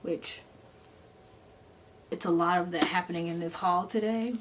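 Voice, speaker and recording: A woman with a slightly low-pitched voice talks through books as a chatty, gushing reviewer. She is informal and enthusiastic, repeating words for emphasis. There is noticeable noise behind her voice. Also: fairly even intonation, measured pace. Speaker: book reviewer and vlogger.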